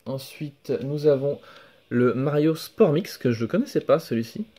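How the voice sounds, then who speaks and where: A young man casually showing off his flea-market finds in a home vlog, relaxed and hesitant, full of fillers and self-corrections. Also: fairly high pitch, normal speed. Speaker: video game collector vlogger. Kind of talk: casual show-and-tell vlog. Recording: faint background music.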